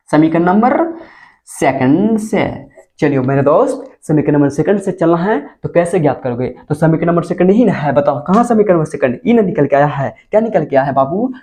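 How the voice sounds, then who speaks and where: Guy teaching chemistry, high voice, keeps asking the class stuff and answering it himself. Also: warm tone. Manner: coaxing, asks students questions and answers himself. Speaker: school teacher. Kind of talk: chemistry lesson for board exam students.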